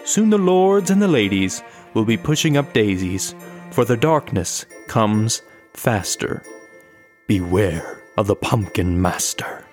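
A man's voice: fairly low pitch, lively intonation, slow pace, a little mellow. A man voicing a proud boy in a homemade ghost costume, reciting a rhyme in a jaunty, theatrical way, with faint music behind.

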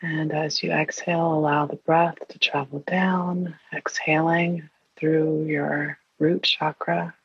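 A woman leading a guided meditation in an airy, breathy, soothing and hushed voice, leaving long pauses. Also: low-pitched, flat delivery. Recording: roomy, dull lo-fi sound.

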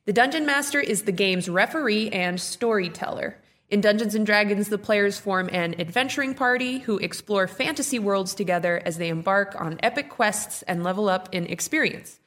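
A woman's voice: medium pitch, moderate pace, a bit bright. A woman radio host in casual chat, explaining things plainly and chattily.

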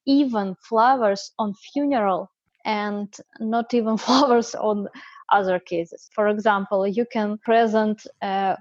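A woman from Siberia with a Russian accent, chatting as an English student on a podcast in halting non-native English. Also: mid-range voice, steady tone, a little mellow, no echo, muffled recording. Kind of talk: casual podcast conversation.

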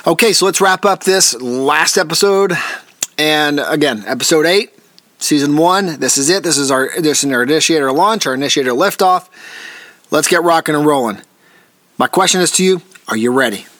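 A man's voice: on the high side, lively intonation, normal speed, fairly bright tone, no room sound. A man hosting his own podcast, talking straight to his listeners as folks in an earnest, encouraging way and often repeating or restarting his phrases. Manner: addresses listeners directly as folks. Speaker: podcast host. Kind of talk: solo podcast monologue.

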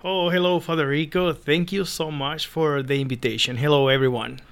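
This man's voice is fairly high and gravelly yet clean, with a steady tone and a normal pace. He's a young seminarian from Venezuela with a Spanish accent, sharing his story earnestly as a guest in a relaxed interview and frequently repeating words as he gropes for them.

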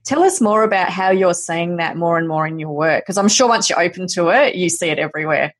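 A hoarse woman hosting a podcast, encouraging her guest and summing up what she hears. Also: on the low side, lively intonation, a little fast. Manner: encouraging, summarizing interviewer. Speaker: podcast host. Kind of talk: conversational podcast interview.

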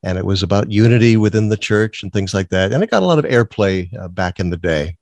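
As a guest on an interview show, this Massachusetts-raised man chats casually and tells stories, often breaking into laughter, in a neutral American accent without strong regional traits. His darkish, fairly low voice is fast and lively in intonation, and the recording is dry.

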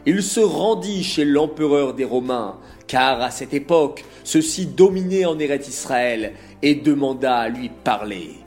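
A man narrating a religious story in a measured, expressive reading voice. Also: mid-range voice. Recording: faint music behind.

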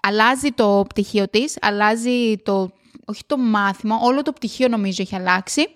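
A woman hosting a motivational podcast at home, talking loudly and emphatically with excitement. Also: medium pitch. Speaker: podcast host. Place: at home alone.

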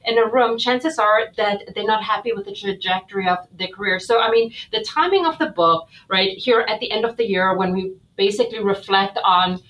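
South african lady cohost, excited chatty podcast talk, says um a lot. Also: medium pitch, a little fast, hardly any pauses, rough recording. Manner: enthusiastic, frequent ums. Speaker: podcast co-host. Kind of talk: casual podcast interview.

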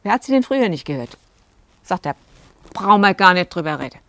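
A woman's voice: lowish voice, very animated, brisk, fairly bright tone, no room sound. A woman couples coach telling stories from her sessions in a casual, chatty way, acting out what her clients said, with fillers and asides. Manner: recounts client sessions, acting out quoted lines. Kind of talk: storytelling talk to video viewers.

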